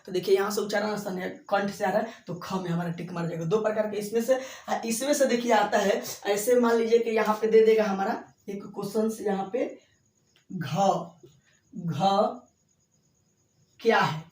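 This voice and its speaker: A man teaching a school exam lesson at a board, explaining slowly and repeating himself, drawing out single sounds to demonstrate them. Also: high-pitched, fairly even intonation, darkish tone. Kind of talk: blackboard lesson for school exams. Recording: echoey room, voice far from the mic.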